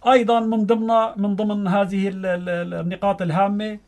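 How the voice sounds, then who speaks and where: High-pitched, fast-talking Syrian man. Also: little pitch movement, darkish tone. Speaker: mathematics teacher, studio guest. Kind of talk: radio interview, earnest explanation.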